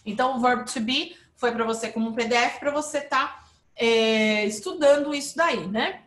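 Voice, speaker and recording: A woman teaching a live online English lesson, explaining with lively emphasis and checking in with her viewers. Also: a little high, echoey room.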